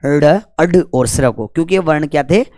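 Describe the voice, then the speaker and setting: A man's voice: a little high, normal speed, a little mellow, no room sound. A man teaching Hindi grammar in a lecture, asking questions and answering them himself, scolding and joking with students. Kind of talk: classroom lecture.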